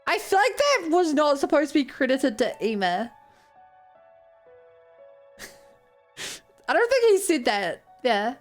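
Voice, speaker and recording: A high-voiced woman commentates live on a video game she is playing. She chats to her stream and reads dialogue out, with faint game music behind her. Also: big pitch swings, takes it slowly, long pauses.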